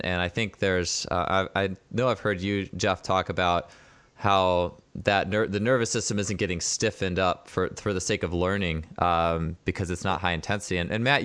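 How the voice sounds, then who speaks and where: A man hosting a podcast, asking his panel questions with halting restarts. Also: sits low, a bit bright, no echo. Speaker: podcast host. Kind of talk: interviewing a panel.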